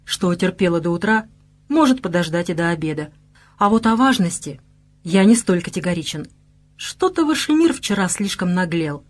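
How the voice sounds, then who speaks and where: A woman's voice: on the low side, lively intonation, normal speed. A woman voicing a wry, easygoing young former officer in an audiobook. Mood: calm. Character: wry young ex-officer groom, calm and joking.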